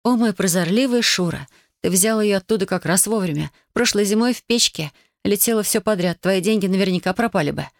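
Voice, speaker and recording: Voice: medium pitch, a little fast, dry recording, natural voice. A reader voicing a young Soviet wife, emotional and pleading, in a dry audiobook recording. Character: young tearful Soviet wife, loving yet wounded.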